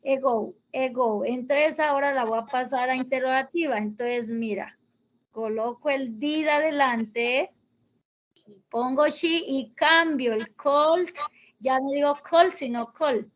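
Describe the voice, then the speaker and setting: A woman's voice: sits high, a little slow, rough recording. A woman teaching English grammar over a video call, explaining patiently step by step. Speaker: English tutor.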